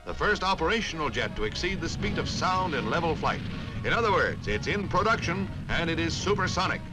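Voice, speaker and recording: A man's voice: fairly high pitch, very animated, a little fast, low-quality recording. A man giving dramatic, declamatory 1950s newsreel narration with wry quips, heard as old newsreel sound from a film soundtrack. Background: music.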